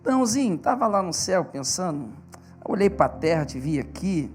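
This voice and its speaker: A man's voice: high voice, sing-song, normal speed, soft background music. A man voicing God as a chummy, hesitant, overly polite friend.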